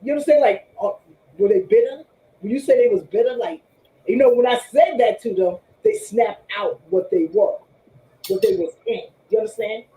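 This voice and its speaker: Sixties woman hosting a call panel, rambling storyteller, warm dark tone in an echoey room. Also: a little high, animated, moderate pace. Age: 60s. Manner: chatty, storytelling, repeats herself. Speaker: panel host. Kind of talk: casual panel chat. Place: online group voice call.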